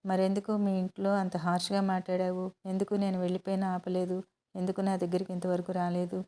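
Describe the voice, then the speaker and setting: A woman's voice: fairly low pitch, monotone, brisk, warm tone, lightly acted. A woman reading the lines of a hurt, hot-tempered young businesswoman who reproaches her partner. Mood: tearful. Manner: tearful, reproachful.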